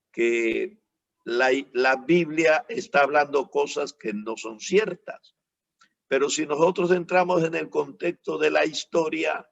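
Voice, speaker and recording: A male evangelist teaches from the Bible in a somewhat high, gravelly voice. He explains each point patiently and checks in with rhetorical questions as he goes. The recording sounds dull and lo-fi. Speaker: evangelist preacher.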